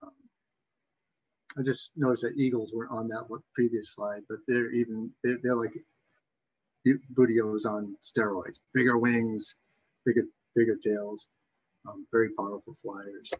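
A man from Massachusetts with a Boston accent gives an informal slide lecture as an instructor, in a halting, backtracking way with a slightly husky voice. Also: medium pitch, fairly even intonation, highs cut off, slight background noise. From Massachusetts, USA. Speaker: bird identification instructor.

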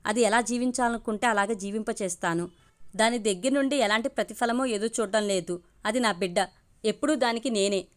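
A principled single mother speaks with calm, firm conviction, as a woman storyteller reads her part. The voice is a little high and steady, earnest rather than emotional, in a spoken family drama. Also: fairly quick, lightly acted.

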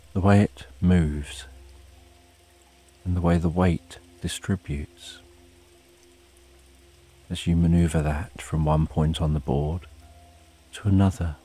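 Soft husky guy doing sleep story narration, really mellow and calm, rain behind him. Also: low-pitched. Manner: calm, unhurried, with long pauses. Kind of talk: slow, soothing bedtime story narration.

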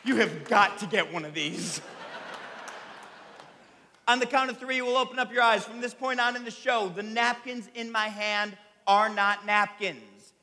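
A man's voice: sits high, bright, forceful tone. A man in his thirties working as a comedy stage hypnotist, projecting commandingly to an audience in a theatre. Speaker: stage hypnotist and show host. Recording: echoey theatre hall with audience noise.

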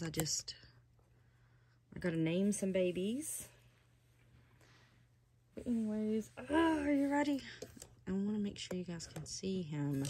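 An older woman chatting slowly and fondly in her small hobby room at home, gushing as she opens a doll box. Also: fairly low pitch, a little hiss or hum. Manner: chatty, softly gushing, slow and unhurried. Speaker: reborn doll collector. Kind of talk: casual unboxing chat.

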